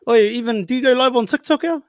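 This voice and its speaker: A man's voice: extremely high pitch, racing, clean tone, no echo. A man with a broad New Zealand accent hosting a casual interview in a slangy, matey, encouraging way. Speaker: podcast host.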